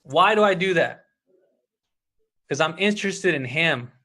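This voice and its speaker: A man coaching his team in an emphatic, energetic way, often saying "look" and "okay". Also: a little high, a little slow. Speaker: team leader coaching members. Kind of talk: motivational sales coaching talk.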